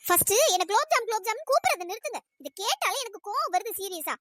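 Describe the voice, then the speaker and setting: A performer voicing a fiery young female college student in a cartoon, scolding in an exasperated, pitch-raised voice. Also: animated, bright, forceful tone, no room sound, clean studio sound, full character voice. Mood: annoyed scolding. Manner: scolding, exasperated, rapid-fire complaints. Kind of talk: cartoon voice acting.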